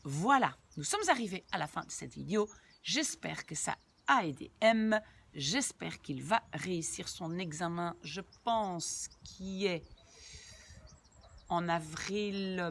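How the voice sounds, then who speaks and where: Woman, language teacher, lower voice, lively pitch, patient word-by-word explaining. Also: slow, vocal fry. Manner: patient, repeats and translates word by word; chatty asides to viewers. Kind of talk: language lesson explaining a sentence.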